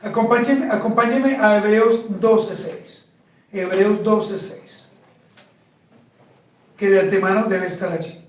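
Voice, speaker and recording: Slow-preaching pastor in an echoey hall. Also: male voice, sits high, steady tone, distant mic. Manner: slow, emphatic preaching with rhetorical questions to the congregation. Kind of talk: sermon. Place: church.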